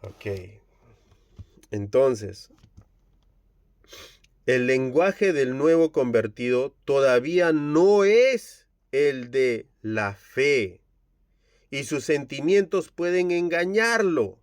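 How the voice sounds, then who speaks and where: Slow-preaching man. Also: medium pitch, animated, no echo, clean studio sound. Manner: slow, earnest preaching with Japanese fillers. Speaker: pastor. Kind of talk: online Bible study sermon.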